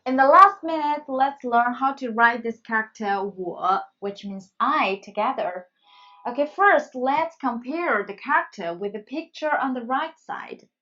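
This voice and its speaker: A woman with as her leads a beginner lesson in English, her voice a touch high and her pace very unhurried. She talks clearly and keeps encouraging the learners. The recording sounds somewhat dull and lo-fi. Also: lively intonation, bright, forceful tone. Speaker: Chinese teacher. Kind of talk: scripted language lesson.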